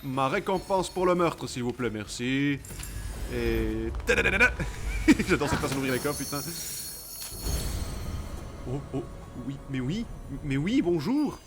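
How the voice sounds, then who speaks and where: A man giving excited, profane commentary while playing a video game, swinging from mumbles to shouts. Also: mid-range voice, a little slow, pauses often, background noise. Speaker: let's play gamer. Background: game music.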